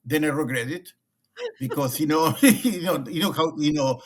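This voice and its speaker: Speaking at a moderate pace in a fairly high voice, this interview guest is a middle-aged leadership consultant from Argentina with an Argentine Spanish accent. The talk is conversational, and he frequently restarts and repeats himself.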